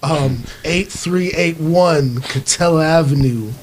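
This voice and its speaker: A man speaking hesitantly and haltingly in a casual group promotional chat, as an event promoter. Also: fairly high pitch, a little hiss or hum, low-quality recording. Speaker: wrestling promoter. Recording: chattering group in the background.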